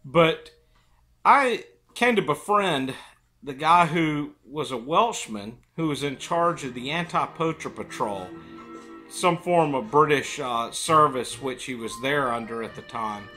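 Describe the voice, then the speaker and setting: A middle-aged man spins a casual tale to camera in an indoor room. His voice sits a little high with a bright, forward edge, and he often speaks with a pipe between his lips. Faint music plays behind him. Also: animated, measured pace. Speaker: storyteller. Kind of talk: casual storytelling monologue to camera.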